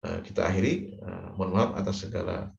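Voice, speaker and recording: A man giving a patient grammar lesson, going over each term several times and pausing to check that it has landed. His voice sits in an echoey room and comes through a dull, lo-fi recording with the highs rolled off. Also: creaky, darkish tone. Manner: patient, repeats terms and checks with frequent "ya". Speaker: Arabic grammar teacher. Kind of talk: classroom lecture.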